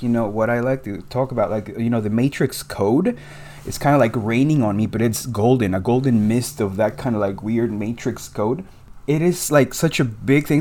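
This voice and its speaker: Podcast guest, man, mid-pitched voice, animated and emotional storyteller, casual, swears freely. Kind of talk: casual conversation.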